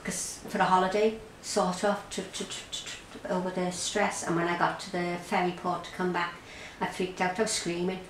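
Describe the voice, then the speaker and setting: An Irish woman recounts her own experience in a conversational interview, often halting and repeating words. Her voice sits in a roomy, echoing space with a faint hiss underneath. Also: fairly low pitch, little pitch movement. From Ireland. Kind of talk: personal testimony in an interview. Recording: roomy echo, faint background noise.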